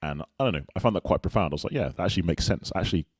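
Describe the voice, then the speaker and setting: Low-voiced young guy hosting a chat, talks fast, jokey, dry close sound. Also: expressive, husky, no echo. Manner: quick, jokey, teasing questions. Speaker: host. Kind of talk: casual chat.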